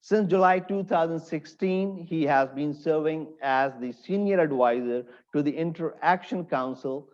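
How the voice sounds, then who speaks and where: A man's voice: fairly high pitch, measured pace, few pauses, darkish tone, highs cut off. A man hosting an interview, reading a formal introduction and asking questions with some hesitation. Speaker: interview host.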